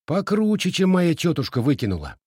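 Brief: teasing, hot-headed young village girl, voiced by a male reader, raised and sharp, dry close sound. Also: a little high, wildly swooping pitch, fairly quick, slightly rough, no room sound, pitched above the performer's own voice, full character voice. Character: bold teasing village girl, quick-tempered.

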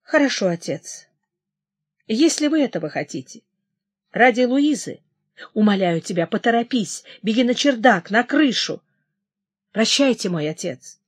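A woman's voice: fairly high pitch, animated, unhurried, long pauses, breathy edge, no echo, studio quality. Woman reading as a desperate loyal young nobleman. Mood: urgent. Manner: urgent shouting.

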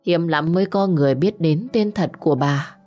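Low-voiced woman narrating a story. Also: darkish tone. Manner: slow, measured, dramatic storytelling. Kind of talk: scripted audio story narration. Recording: faint background music.

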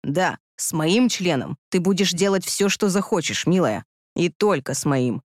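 A woman voicing a domineering man in an audiobook, speaking in a low, husky, commanding murmur. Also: animated, a little slow, dry recording, clean studio sound. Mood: husky whisper. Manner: hushed, commanding. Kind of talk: audiobook character voice.

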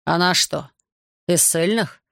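A man voicing a gruff, suspicious middle-aged army major who talks bluntly. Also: a little high, slow pace, pushed and bright, no echo, studio quality, heavily acted. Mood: wary.

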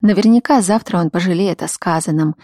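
Low-voiced woman reading a novel aloud. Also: brisk, mellow, no echo, studio quality. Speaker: audiobook narrator. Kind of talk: scripted narration.

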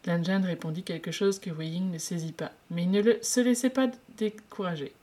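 A woman's voice: lowish voice, fairly quick, dark tone. A woman reading a fan fiction story aloud in one unedited take, with small slips and restarts. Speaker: reader.

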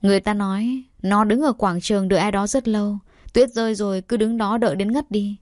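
A woman voicing a furious, protective older brother in an audio story, fast and harsh. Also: medium pitch, steady tone, no echo, studio quality, lightly acted. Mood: angry. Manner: shouting, harsh.

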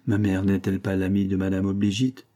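A man's voice: low-pitched, monotone, fairly quick, warm tone, close to an everyday voice. A man reading the lines of an ardent young man in love, earnest and pleading.

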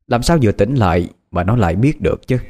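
A man reads a ghost story aloud in a lowish voice. He keeps a steady, even storytelling pace, with faint music playing underneath. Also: quick pace. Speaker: narrator. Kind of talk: ghost story audiobook narration.

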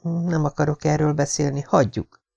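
A man reading an audiobook, voicing a distressed young woman who speaks in clipped, urgent, hushed lines. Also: fairly high pitch, level tone, gravelly, lo-fi sound, pitched above the performer's own voice. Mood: hushed, hurt. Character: upset young woman, tense and curt.

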